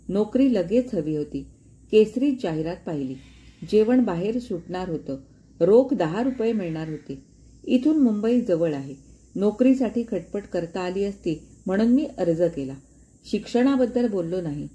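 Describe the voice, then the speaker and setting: A woman's voice: medium pitch, warm tone, lightly acted. A woman voicing a poor, educated young man who speaks earnestly, at times in a choked voice.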